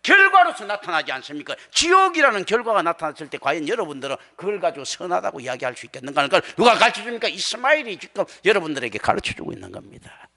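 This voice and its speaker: A pastor preaching a sermon in a church, animated and acting out the voices he quotes. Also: high voice, quick pace. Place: church sanctuary.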